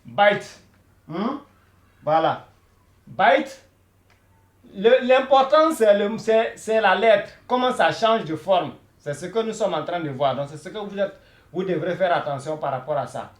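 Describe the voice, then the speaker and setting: Male language teacher, high voice, echoey room, patient and repetitive with beginners. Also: expressive, normal speed. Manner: patient, repeats words many times, checks in with "hein?" and "voilà". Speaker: Arabic teacher.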